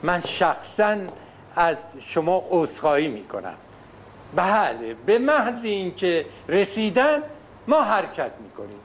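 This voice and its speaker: An actor playing a polite mover who apologizes formally and hesitantly. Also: male voice, sits high, sing-song, slight background noise. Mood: apologetic.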